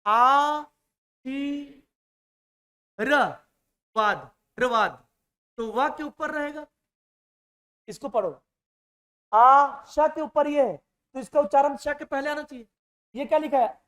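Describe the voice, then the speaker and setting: A man's voice: extremely high pitch, normal speed, pauses often, darkish tone. A man teaching a Hindi exam-prep class in a classroom. He repeats each point and keeps checking that his students follow. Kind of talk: classroom lecture.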